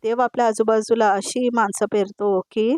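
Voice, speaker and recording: A woman voicing a young male businessman giving an interview, calm and modest. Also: fairly high pitch, moderate pace, dry recording, lightly acted. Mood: composed.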